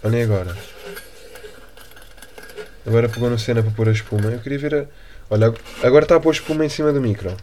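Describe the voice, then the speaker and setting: A man's voice: mid-range voice, racing, warm tone, slight background noise. A young man from Portugal with a European Portuguese accent, hosting a casual solo podcast in a rambling, slangy, joking way. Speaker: podcast host.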